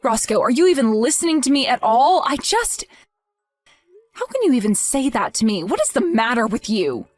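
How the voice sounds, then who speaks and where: A woman's voice: on the high side, very animated, normal speed, darkish tone. A woman voicing a grieving young wife in a text-message drama, emotional and pleading. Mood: hurt, pleading. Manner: emotional, pleading, voice rising and falling.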